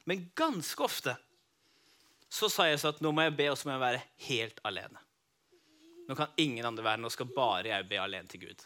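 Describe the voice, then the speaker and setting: A man telling a Bible story to children in the first person, as if he were Peter himself. He tells it in a lively, dramatic way and speaks straight to his young listeners. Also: mid-range voice.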